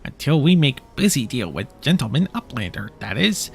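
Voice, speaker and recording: A man's voice: mid-range voice, very animated, normal speed, vocal fry, faint music behind. A man voicing a pompous, well-spoken male goblin in a fantasy game, who mixes broken grammar with big words. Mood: storytelling.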